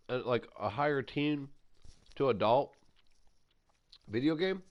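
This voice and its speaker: A man hosting a gaming channel, giving rambling, opinionated commentary while playing and eating. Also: mid-range voice. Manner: rambling, opinionated, animated ranting. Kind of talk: casual gameplay commentary.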